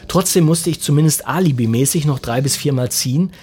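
Husky, deadpan male storyteller. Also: a little high, a little fast. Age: 40s. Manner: wordy, self-mocking, deadpan. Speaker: narrator. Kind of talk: humorous first-person story reading.

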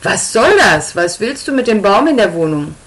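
A woman's voice: mid-range voice, very animated, normal speed, pitched above the performer's own voice, lightly acted. A woman voicing a young wife who talks in a raised, agitated voice. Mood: shocked. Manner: raised, agitated, then hospitable. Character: flustered young wife, shrill when shocked.

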